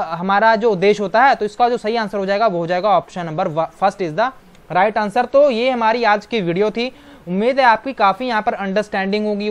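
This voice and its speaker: A man's voice: high-pitched, clear, resonant tone. Brief: male exam-prep tutor, patient explainer with constant tag questions. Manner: explanatory, keeps adding "right?" tag questions. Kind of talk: online exam-prep lecture.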